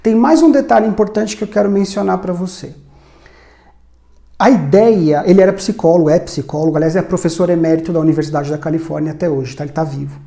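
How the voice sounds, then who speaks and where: A man's voice: high-pitched, mellow, echoey room. A man teaching about communication in a conversational explainer style, asking rhetorical questions and adding tag questions. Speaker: communication instructor. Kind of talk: educational explainer video.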